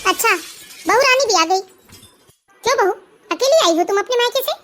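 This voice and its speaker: Cartoon mother-in-law, bossy and interrogating, very high voice, as a woman plays her. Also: animated, normal speed, bright, forceful tone, heavily acted. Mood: suspicious. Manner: scolding, interrogating. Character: stern scolding middle-aged mother-in-law. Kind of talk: cartoon family drama voice acting.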